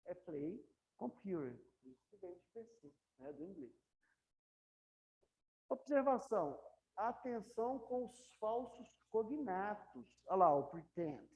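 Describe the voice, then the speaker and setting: Brazilian lady teacher, warm mellow voice, keeps asking the class if they follow, muffled lo-fi room recording. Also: medium pitch, big pitch swings, a little slow. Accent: Brazilian Portuguese. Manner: chatty, keeps checking with the class. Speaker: English teacher. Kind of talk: classroom lecture. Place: classroom, also streamed to students at home.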